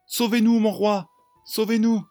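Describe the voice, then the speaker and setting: A man's voice: sits high, level tone, unhurried, mellow, no room sound, clean studio sound, soft background music, pitched above the performer's own voice. A man voicing a frantic young male peasant pleading with his king in a storytelling podcast. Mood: panicked.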